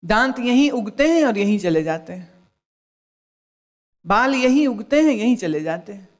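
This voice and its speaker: A woman's voice: mid-range voice, animated, measured pace. A woman spiritual teacher giving a discourse, scolding with rhetorical questions and dropping in English phrases.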